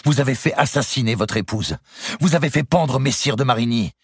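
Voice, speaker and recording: A man's voice: sits low, lively intonation, moderate pace, husky, no room sound, studio quality, pitched above the performer's own voice, exaggerated voice. A man voicing a devout young queen who speaks firmly and solemnly. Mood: accusing. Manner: firm, solemn, pleading.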